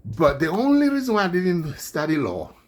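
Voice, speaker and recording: A man with a non-native accent, whose first language is not English, gives indignant political commentary. His husky voice rises and falls widely as he hammers his points home again and again. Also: sits high, wildly swooping pitch, normal speed.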